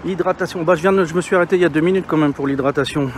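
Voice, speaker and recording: A live streamer with a highish voice rattles off rapid-fire, slangy, rambling chat to his viewers while walking outdoors in a city, breathless and panting. Traffic fills the noisy street audio behind him.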